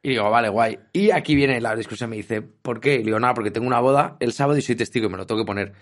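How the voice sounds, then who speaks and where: Fast-talking man in his thirties. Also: mid-range voice. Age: 30s. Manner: quick, storytelling, wry. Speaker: podcast co-host. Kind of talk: casual chat, anecdote telling.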